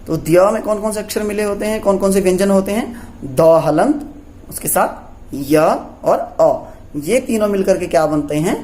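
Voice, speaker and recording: A man with a high, dark-toned voice teaches young pupils a Sanskrit lesson on letters at a normal speed. He poses questions and answers them himself, checking in with the class often.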